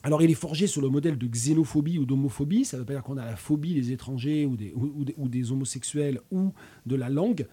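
A man in his fifties with a regional French accent hosts a casual chat, hesitating often with many fillers and restarts. His mid-range voice is fast and mellow, with a slight roughness.

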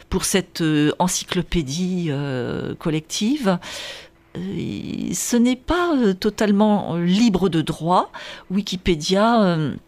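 A woman's voice: on the low side, a little mellow. A woman speaking as a guest expert in a radio interview, explaining carefully and hesitating often with filler sounds.

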